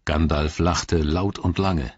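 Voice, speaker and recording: Deep husky guy reading a fantasy audiobook, steady formal narration, dull lo-fi sound. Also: slow, a little hiss or hum.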